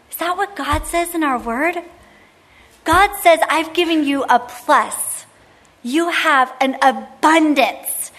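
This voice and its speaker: A woman's voice: high-pitched, a bit bright. A woman in her thirties teaching a women's Bible study, exhorting with emphatic, repeated phrases. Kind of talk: sermon-style Bible teaching.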